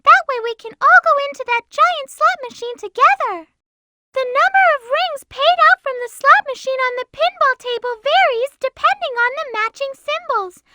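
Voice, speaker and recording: A woman voicing a sweet, gentle young girl rabbit in a video game, who speaks politely and addresses others as "Mister". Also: extremely high pitch, animated, moderate pace, background noise. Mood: instructive. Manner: polite, says "please" and "Mister".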